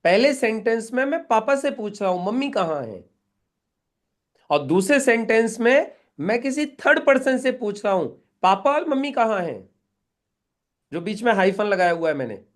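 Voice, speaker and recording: A man's voice: high-pitched, big pitch swings, normal speed. Male trainer drilling a group. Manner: instructive, drilling the group with questions. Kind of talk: live training session.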